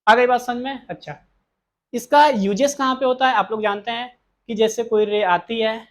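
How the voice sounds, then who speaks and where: A man's voice: very high voice, steady tone, moderate pace. A male teacher giving a physics lesson, asking rhetorical questions and answering them himself, repeating key terms.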